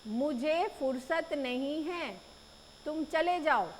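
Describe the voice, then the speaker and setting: A woman's voice: sits high, animated, takes it slowly. A woman voicing a busy male trimmings seller who impatiently brushes off a customer. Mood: dismissive. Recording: echoey room, faint noise.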